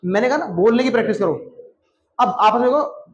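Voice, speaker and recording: A man's voice: extremely high pitch, expressive, fairly quick, muffled recording, slight background noise. A man teaching a classroom lesson, repeating answers over and over and quizzing students by name. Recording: echoey classroom.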